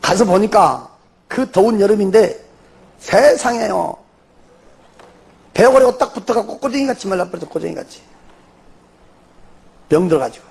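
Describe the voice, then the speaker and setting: Gravelly Jeolla-accented pastor telling a testimony. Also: male voice, high voice, moderate pace, long pauses. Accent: Jeolla Korean. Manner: animated storytelling with rhetorical questions. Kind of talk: testimony sermon.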